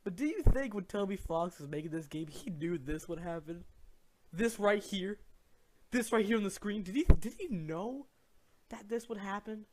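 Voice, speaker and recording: A man's voice: high-pitched, lively intonation, moderate pace, a little mellow, a little hiss or hum. A man giving exaggerated, theatrical and incredulous commentary as the host of a reaction video.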